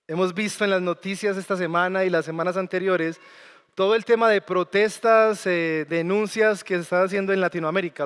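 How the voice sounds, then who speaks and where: A man's voice: high voice, a bit bright, clear, resonant tone. A man preaching a sermon as pastor, talking with the congregation and asking them questions. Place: church sanctuary. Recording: long church hall reverb.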